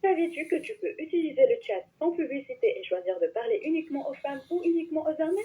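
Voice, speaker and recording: A woman giving recorded phone menu prompts in a high, lively voice. Her tone is mellow and smooth, upbeat like an ad, and she is heard over a phone line. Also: fast talker. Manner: smooth, promotional. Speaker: automated phone menu announcer.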